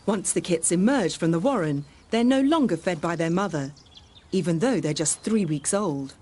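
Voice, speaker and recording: A woman's voice: on the low side, animated, normal speed, darkish tone, slightly rough. A woman reading scripted narration for a nature documentary.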